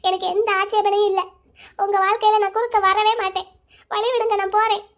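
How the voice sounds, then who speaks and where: A woman voicing a hurt young wife in a cartoon drama, crying and accusing her husband loudly. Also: very high-pitched, flat delivery, brisk. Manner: loud, accusing, bitter. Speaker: voice actor.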